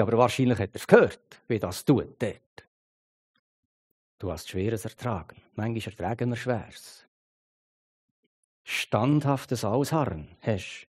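A man's voice: mid-range voice, darkish tone. A middle-aged man preaching a sermon with a Swiss German accent, in a conversational way that keeps asking the listeners to agree. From Switzerland.

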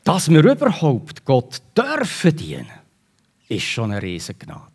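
A man from Switzerland with a Swiss German accent, preaching a sermon in a conversational, lively way. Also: fairly high pitch, unhurried, slightly rough.

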